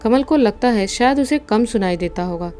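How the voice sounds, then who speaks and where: Give me a woman with a dark, mellow tone, narrating a horror tale in a steady, suspenseful way. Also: fairly high pitch, moderate pace, faint music behind.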